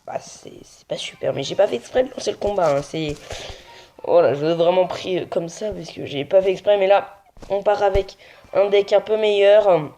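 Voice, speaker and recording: A man's voice: high-pitched, normal speed, dark tone. A young man giving casual, muttered play-by-play commentary on his own mobile game match, swearing often. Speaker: gaming video creator.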